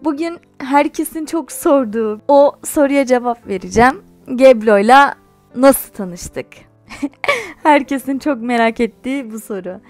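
Young woman, high-pitched, chatty storytelling vlog, laughs often, light music underneath. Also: moderate pace, dry recording. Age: young adult. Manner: chatty, animated, laughs while telling. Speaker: YouTuber.

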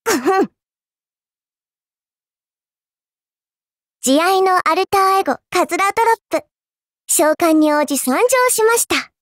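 A small girl AI servant from an anime mobile game speaks in a very high, childlike voice, using sweet, polite phrases with a prim, smug, appraising edge. Her mood is sweet and eager, and the recording is dry with no room sound.

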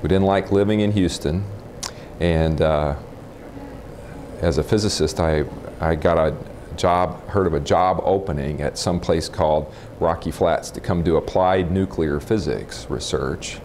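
A man in his forties, an American nuclear physicist from Texas, reminisces in an informal oral history interview with a low-pitched, slightly mellow voice. He speaks plainly, with some hesitation. The recording comes from a clip-on mic indoors at a house, with faint background noise.

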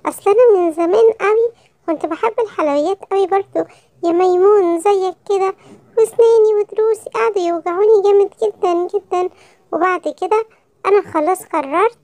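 A woman's voice: extremely high pitch, brisk, dark tone, no echo. A woman voicing a cheerful, sensible young boy lion cub with an Egyptian Arabic accent in a children's storybook. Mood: earnest. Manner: friendly, earnest.

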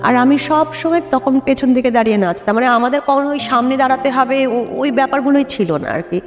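A middle-aged woman with a Bengali accent, reminiscing in a relaxed talk-show conversation with many hesitations and restarts. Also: sits high, brisk, in a large hall, soft background music. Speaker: guest dancer.

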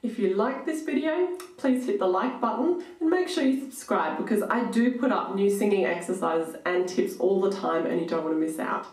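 A woman's voice: mid-range voice, expressive, moderate pace, few pauses, darkish tone. A woman in her thirties giving an instructional singing lesson to camera in an encouraging, coaching way. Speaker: singing coach, host of an online tutorial show. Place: small home room, indoors. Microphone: microphone on boom stand, close in front. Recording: roomy echo, somewhat distant from microphone. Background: electronic keyboard notes at times.

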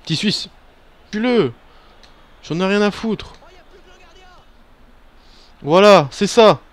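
A man giving casual, excitable commentary over a football video game, swearing and cheering at his players. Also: high-pitched, slow, no echo. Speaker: gaming YouTuber. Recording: faint background music.

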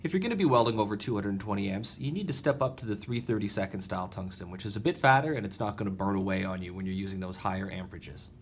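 A welding instructor in a workshop demonstrates each step while explaining it plainly. His voice is low-ish and husky, and he talks fast with hardly any pauses.

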